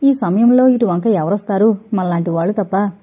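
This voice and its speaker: A woman's voice: medium pitch, a little fast, dark tone, breathy edge, natural voice. A woman voicing a playful young male college student in a dramatized audio novel, joking and teasing. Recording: dull lo-fi recording.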